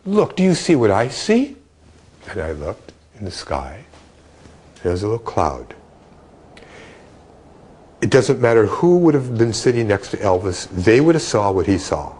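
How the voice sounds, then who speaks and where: An older man recounts a memory in a husky, fairly low voice. His pitch rises and falls a lot as he tells the story. He acts out the people he quotes. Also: a little mellow. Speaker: interviewee. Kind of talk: documentary interview storytelling.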